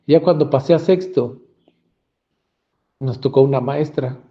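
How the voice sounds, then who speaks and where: A man's voice: mid-range voice, unhurried. A man giving a personal testimony about his childhood and often acting out the dialogue. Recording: dull lo-fi recording.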